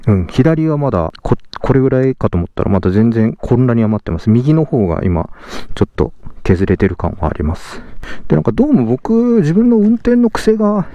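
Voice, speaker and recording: Riding outdoors, a man narrates his motovlog briskly from his helmet, excited and laughing, sometimes calling out loudly and sometimes muttering low. The recording is dry and muffled, with engine and road noise plus background music underneath his casual commentary.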